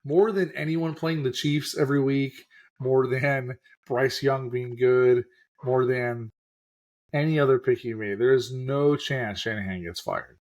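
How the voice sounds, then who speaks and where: A man's voice: medium pitch, a little slow, a little mellow. A man co-hosting a casual sports podcast, teasing and arguing with his co-host's predictions. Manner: teasing, argumentative. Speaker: podcast co-host.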